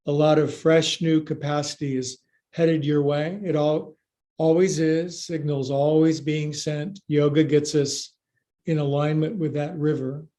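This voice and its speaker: A man's voice: fairly high pitch, flat delivery, unhurried, mellow. A middle-aged man leading a live-streamed yoga class, giving short clipped commands and counts mixed with playful, folksy joking asides. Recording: echoey room sound.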